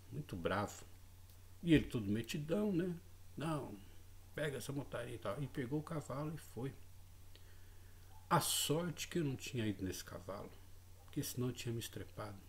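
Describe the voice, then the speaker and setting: A man telling a personal story in a casual spoken way, hesitant, repeating words and often adding tag questions. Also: mid-range voice. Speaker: channel host.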